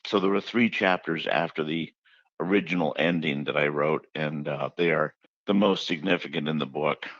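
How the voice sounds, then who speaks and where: Deep-voiced guy spinning stories in an interview, kinda dull muffled sound. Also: moderate pace, fairly bright tone, no room sound. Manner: chatty anecdotal storyteller who acts out quotes. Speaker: author interviewed about his book. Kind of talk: casual interview storytelling.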